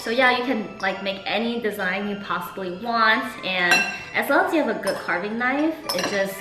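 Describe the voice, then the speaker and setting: A young woman chats informally, musing aloud as a co-host. The room is noticeably echoey. Music plays clearly behind her, along with clinks of cutlery. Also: medium pitch, moderate pace. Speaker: co-host of a food show. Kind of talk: casual chat.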